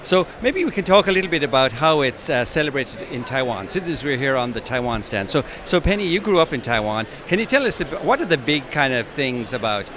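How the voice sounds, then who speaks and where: At a stand in a crowded exhibition hall, a podcast host with a mid-range, sing-song voice talks a little fast with few pauses. He keeps the casual interview moving with chatter and brief prompting questions.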